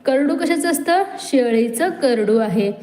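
A woman teaching a lesson, asking questions and answering them herself, reading word lists slowly. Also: high voice, animated, dark tone, echoey room. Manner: reads word lists slowly, drawing out each word. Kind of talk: classroom lesson.

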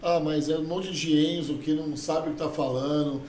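A man's voice: fairly high pitch, steady tone, moderate pace, a little mellow. A man with a Brazilian accent hosting a casual podcast, talking emphatically and with a preachy edge. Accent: Brazilian Portuguese. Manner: emphatic, opinionated, sermon-like asides. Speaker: podcast host. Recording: echoey room with faint background hum.

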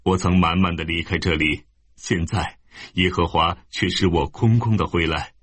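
A bitter, grieving older widow, read by a man. The delivery is sorrowful and low. The voice is slightly husky in a dry, close recording. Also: steady tone, moderate pace, fairly bright tone, no echo.

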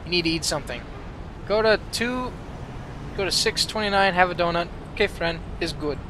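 A man's voice: sits high, a little fast, noisy background, lightly acted. A man voicing a chatty Russian man in a tracksuit who speaks cheerful broken English. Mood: pleading.

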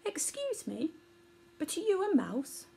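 A woman's voice: very high-pitched, huge pitch swings, slow pace, gravelly, mellow, voice pushed up, heavily acted. A woman voicing a polite, curious young male baby elephant in a storybook reading. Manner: polite, earnest and innocent.

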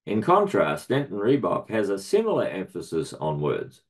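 A middle-aged man reading a prepared academic paper aloud in a measured, formal way, marking each citation with quote and end quote. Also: on the low side, darkish tone. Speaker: research centre director presenting a paper.

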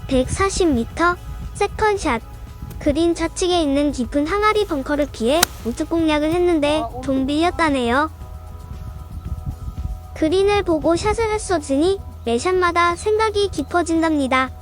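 A woman's voice: very high-pitched, expressive, moderate pace, soft background music. A woman narrating a round of golf as a golf commentator, reading scripted shot-by-shot reports in a polite, formal way. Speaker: narrator of an amateur golf vlog.

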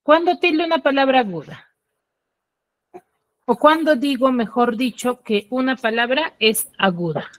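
A woman's voice: high voice, unhurried, no room sound. A woman teaching an online class on a video call, drilling students with repeated questions.

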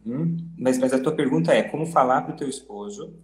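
A man hosting an advice session, gently encouraging a caller and offering to help her improve. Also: medium pitch, a little fast, reverberant. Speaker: host giving advice.

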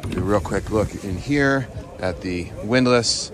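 A middle-aged yacht broker with a lowish voice gives an enthusiastic, casual walkthrough of a sailboat at a dockside boat show, both outdoors and in the cabin. He speaks at a measured pace with frequent fillers, filmed on a handheld phone camera with a crowd in the background.

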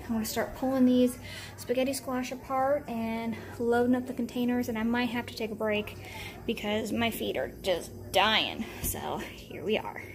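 A woman's voice: a little high, normal speed. A woman talking casually through a cooking vlog in her home kitchen, rambling with plenty of fillers. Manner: chatty, rambling, with frequent fillers. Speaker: vlogger.

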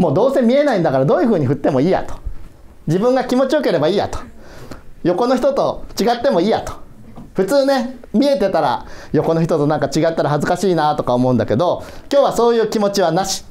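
Middle-aged male workshop leader, playful and coaxing, pitch ranging widely. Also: sing-song, fairly quick, darkish tone. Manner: playful, coaxing, laughs often. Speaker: workshop instructor. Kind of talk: children's workshop instruction. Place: museum hall, indoors.

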